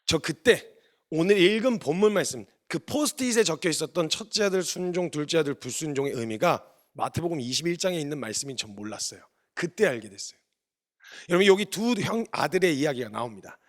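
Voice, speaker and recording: A man's voice: fairly high pitch, lively intonation, brisk. A man missionary preaching a sermon, telling stories and acting out the dialogue, earnest and confessional.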